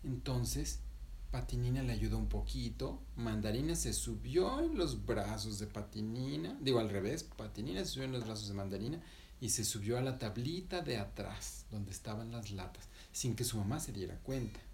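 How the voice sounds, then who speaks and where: A man spinning a children's story out loud. His voice rises and falls a lot as he tells it, playful and chatty, pausing to fix his own slips and ask the listener what happened next. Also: mid-range voice, animated, a little hiss or hum. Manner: playful, self-correcting, addresses listener.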